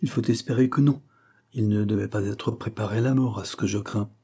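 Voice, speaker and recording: A man voicing an older father who speaks with calm, gentle firmness, in a read-aloud novel. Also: on the low side, brisk, breathy edge. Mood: gently firm. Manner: gently reproving.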